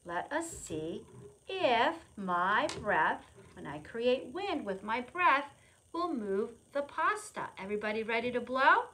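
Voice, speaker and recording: Speaking slowly with big swings in pitch, this woman has a fairly high, pushed, bright voice, and the poor audio has a little hiss or hum. She's a public library preschool storytime presenter giving a children's lesson to young viewers at home. She calls herself by name in the third person, explains things in simple, repeated phrases, and prompts the kids to join in.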